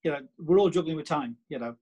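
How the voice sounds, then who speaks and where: A man's voice: fairly high pitch, fast, darkish tone, slightly rough. A man with a Stoke-on-Trent accent chatting casually on a podcast, emphatic and repeating his points with plenty of "you know".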